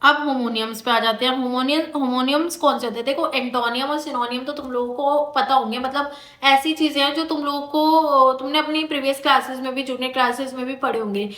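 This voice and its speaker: A young woman teacher giving an exam-prep vocabulary lecture, explaining patiently and addressing students informally while reading English examples slowly. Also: high voice, steady tone, fairly bright tone. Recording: echoey room.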